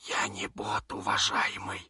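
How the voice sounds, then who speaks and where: A man voicing a calm, wry male monster hero whose speech comes out metallic and hollow, as if from a barrel, in an audiobook. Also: on the low side, unhurried, breathy edge, heavily acted. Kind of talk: audiobook reading.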